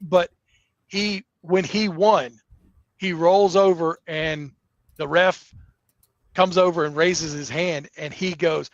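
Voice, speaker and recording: A man's voice: on the high side, steady tone, slow pace, pauses often, no room sound, dull audio. A middle-aged man, a wrestling promoter, talking earnestly in a casual interview, often restarting his sentences. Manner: earnest, rambling with many restarts.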